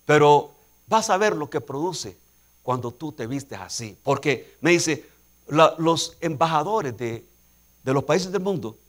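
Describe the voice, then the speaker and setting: A man preaching a sermon, telling a personal story and building to emphatic, repeated calls to action. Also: a little high. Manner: preaching with rising, emphatic repetition; quietly acts out dialogue in anecdotes.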